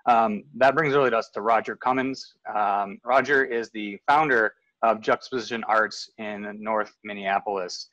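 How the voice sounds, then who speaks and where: A man's voice: lowish voice, fairly even intonation, moderate pace, a bit bright, dry recording. A man in his thirties moderating a panel on a video call from home, talking casually with many fillers and restarts. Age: 30s. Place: home room with framed photos on the wall. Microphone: video call webcam, earbud. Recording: dull, dry video call audio.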